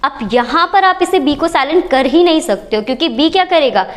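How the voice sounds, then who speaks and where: In an English lesson at the board, a woman with a high, animated voice spells words letter by letter, a little fast, then asks questions and supplies the answers herself.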